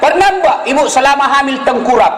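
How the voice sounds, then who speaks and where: A man with a Makassarese Indonesian accent giving a humorous sermon to an audience, animated, joking with the crowd and acting out voices. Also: very high voice, fast, echoey room, background noise. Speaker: preacher.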